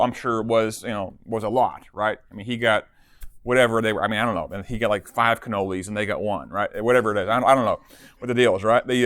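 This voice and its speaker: A man's voice: medium pitch, a bit bright, no echo. A man teaching a Bible class in a loose, conversational way, with many fillers and tag questions.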